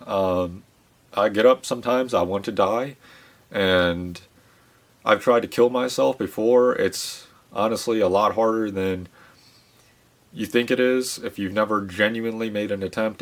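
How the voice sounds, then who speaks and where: A man giving a casual monologue to his audience, speaking in a subdued, reflective way with many pauses, fillers and restarts. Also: fairly low pitch. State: subdued, low-spirited. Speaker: channel host.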